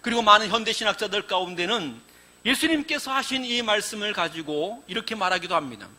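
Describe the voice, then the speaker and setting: A male pastor preaching a sermon, telling the story in an animated way and acting out the quoted lines. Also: high voice, brisk.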